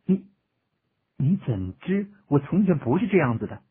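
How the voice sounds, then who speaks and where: A bitter, quick-tempered young village girl from a storybook, scornful and sharp, as a male reader puts her on. The voice is husky and rises and falls a lot. It comes through thin and tinny, as if over a phone line. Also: on the high side, sing-song, full character voice. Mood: alarmed.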